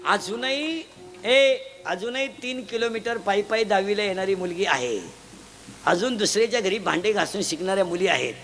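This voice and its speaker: A man giving a comic kirtan sermon, teasing and shouting questions to children in the audience. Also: high-pitched, expressive, moderate pace, over music. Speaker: kirtan preacher. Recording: noisy live event ambience.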